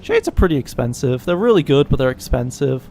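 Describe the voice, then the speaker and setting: A man's voice: medium pitch, big pitch swings, brisk, a little mellow, a little hiss or hum. A man chatting casually and joking around while playing a strategy game against a friend. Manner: loose and joking, hesitant restarts. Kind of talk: casual gameplay chat.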